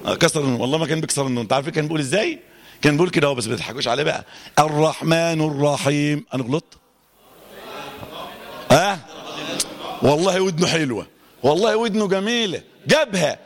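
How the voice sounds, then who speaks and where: A middle-aged man with an Egyptian accent teaching Quran recitation to a class in a lively, joking manner, stretching out letters slowly to demonstrate them. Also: on the high side. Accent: Egyptian Arabic. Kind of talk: live tajweed lesson to a class.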